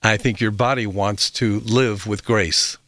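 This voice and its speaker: A man's voice: lowish voice, steady tone, a little slow, fairly bright tone, no room sound, clean studio sound. A middle-aged man hosting a health radio show, telling reflective stories with fillers and restarts. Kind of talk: radio talk monologue.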